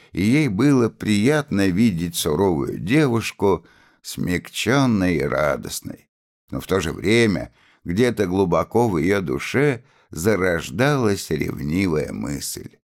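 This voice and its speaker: Deep, slow male novel reader. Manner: measured, expressive storytelling. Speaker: audiobook reader. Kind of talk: reading a novel aloud.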